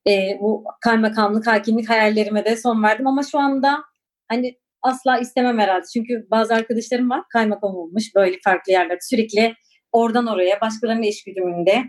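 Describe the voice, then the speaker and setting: A woman's voice: fairly high pitch, a little fast. A woman in her forties from Turkey, recalling her past in an interview with a reflective, hesitant manner and many fillers. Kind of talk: personal recollection.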